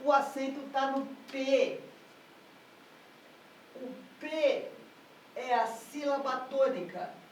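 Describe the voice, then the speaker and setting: A woman's voice: high voice, slow pace, pauses often, a little mellow, slight background noise. A woman music teacher explaining harmony in a patient, step-by-step lesson. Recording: echoey room, mic at a distance.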